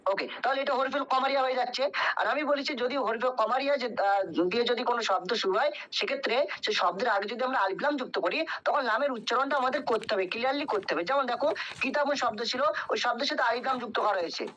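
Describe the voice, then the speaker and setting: A woman's voice: on the high side, fast, a bit bright, muffled recording. A woman teaching an Arabic grammar class, explaining patiently and often checking whether her students understand.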